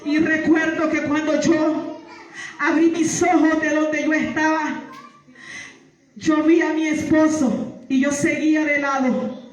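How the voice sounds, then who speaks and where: A woman's voice: high voice, little pitch movement, takes it slowly, pauses often. Woman, church testimony, fervent, repetitive praise interjections, heavy hall echo, distant mic. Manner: repeats phrases, interjects praise; fervent, rising to shouts. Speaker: testimony giver. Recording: echoey hall, far from mic.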